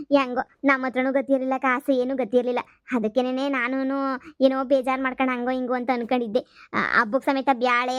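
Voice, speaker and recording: A woman's voice: on the high side, dry recording, studio quality, close to an everyday voice. A woman voicing a poor old village mother who gushes with thanks in a cartoon comedy. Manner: gushing, blessing, fussing over gifts. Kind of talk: cartoon voice acting.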